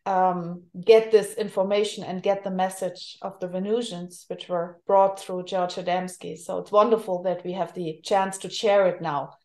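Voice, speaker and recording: A woman's voice: lowish voice, flat delivery, moderate pace, hardly any pauses, mellow. A woman co-hosting a web program in a casual presenting style, recorded with a roomy sound.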